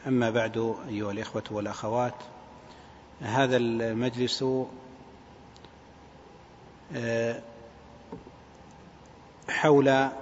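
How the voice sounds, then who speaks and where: A man giving a religious lecture in a measured, hesitant way, often repeating his phrases. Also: medium pitch. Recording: dull, echoing hall, faint noise.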